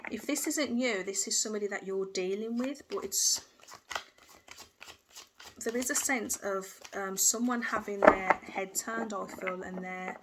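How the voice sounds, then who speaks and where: A woman's voice: mid-range voice, a little slow, very noisy. Hesitant woman giving a tarot reading. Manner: hesitant, hedging with frequent fillers and restarts; intuitive, repeats "I feel". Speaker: tarot reader. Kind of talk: casual tarot reading to camera.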